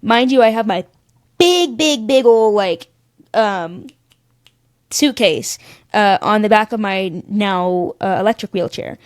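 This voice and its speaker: A woman guest on a podcast, telling stories in a sassy, animated way and acting out the other people in them. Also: mid-range voice, takes it slowly, no room sound, clean studio sound. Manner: animated, sassy, acts out voices in her stories. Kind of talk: casual storytelling chat.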